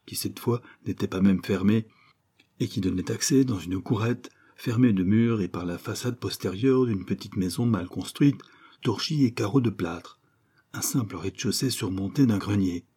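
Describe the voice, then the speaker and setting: A man reads an adventure novel aloud in a steady, measured way. His voice sits low and mellow, with a husky grain. The telling is even and unhurried. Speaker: narrator. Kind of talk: audiobook narration.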